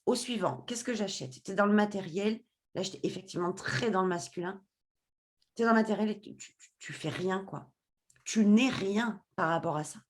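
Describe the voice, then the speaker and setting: A woman's voice: medium pitch, normal speed. A woman tells a personal story as a podcast guest. She talks expressively, slipping into the voices of the people in her story as she acts out their conversations.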